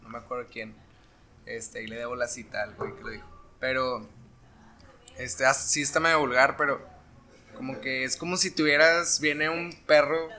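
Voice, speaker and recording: A man's voice: medium pitch, steady tone, normal speed, pushed and bright, a little hiss or hum. A man with a Mexican accent interviewing someone in a slangy, informal, casual chat.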